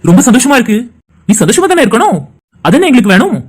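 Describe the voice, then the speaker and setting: An actor voicing a group of cheerful young male friends in an animated family drama, trading lively, teasing banter. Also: medium pitch, fast talker, loud music behind the voice, lightly acted. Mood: warm. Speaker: cartoon voice actor.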